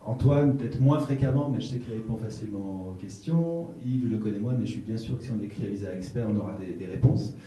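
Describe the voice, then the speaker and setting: A man moderating a panel, keeping a brisk eye on the clock and handing over to speakers. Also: lowish voice, mellow. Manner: brisk, time-conscious. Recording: echoey room, mic far off.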